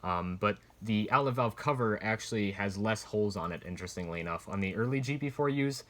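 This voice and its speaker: A man's voice: on the low side, fairly quick, fairly bright tone. A man giving a casual, unscripted show-and-tell review in a rambling, hesitant way, hedging as he explains. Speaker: collector reviewing military surplus gear.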